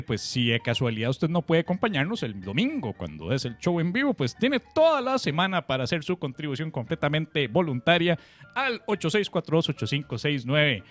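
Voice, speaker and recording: A man's voice: a little high, a bit bright. A Costa Rican man in his late thirties, co-hosting a comedy podcast in a playful, jokey way and laughing easily. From Costa Rica. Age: 30s. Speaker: podcast co-host. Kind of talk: comedic casual chat.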